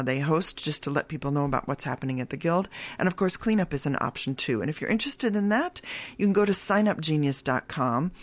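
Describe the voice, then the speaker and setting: Low-voiced chatty woman radio host. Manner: chatty, upbeat, with frequent uh fillers. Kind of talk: community radio announcements. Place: radio studio.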